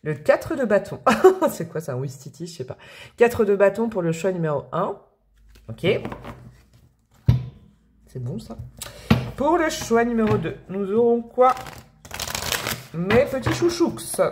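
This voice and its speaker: A woman's voice: mid-range voice, big pitch swings, moderate pace, pauses often, background noise. Chatty woman doing a tarot reading. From France. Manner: chatty, bubbly, slangy and affectionate, with many fillers. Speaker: tarot reader and channel host. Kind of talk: casual tarot reading to camera.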